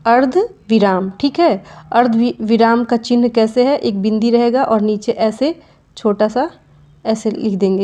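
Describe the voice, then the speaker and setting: A woman's voice: fairly high pitch, warm tone. A young adult woman teaching a grammar lesson, explaining step by step and often checking in with her students.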